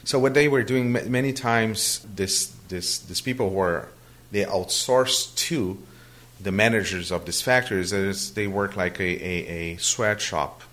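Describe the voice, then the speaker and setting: In a conversational interview, a Brazilian native Portuguese speaker answers hesitantly, using fillers and frequently restarting. His voice is lowish and fairly bright, a little slow yet with few pauses.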